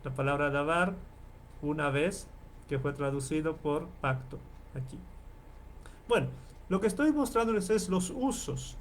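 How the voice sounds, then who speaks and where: A man lecturing as a professor in an online class, explaining and repeating terms slowly and checking in with his listeners often. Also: fairly high pitch, lively intonation, slight background noise. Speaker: Bible professor.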